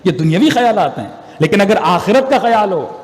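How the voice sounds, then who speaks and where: A high-pitched man preaches with emphatic, rhetorical force, weaving stories into his sermon. His voice rings through a reverberant hall with a long tail of echo. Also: big pitch swings. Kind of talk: religious sermon with storytelling.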